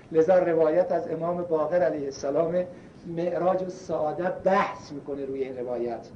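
A man preaching a sermon and telling stories, swinging between loud emphasis and hushed quotes. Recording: echoey, distant, dull lo-fi with faint rumble.

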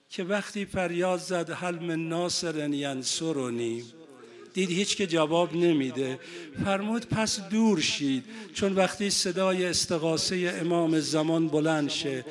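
A man delivers a sermon as a quiet, earnest storyteller, slipping into the words of each person in his tale. His voice sits a little higher than most men's. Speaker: preacher.

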